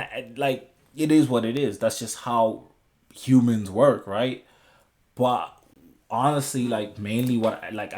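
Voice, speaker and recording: Low-pitched man rambling casually. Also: darkish tone. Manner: repetitive, with frequent checking tags like a conversational rant; slangy, freely swearing. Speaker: video creator giving opinions on manga and music. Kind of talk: casual rambling opinion monologue to viewers.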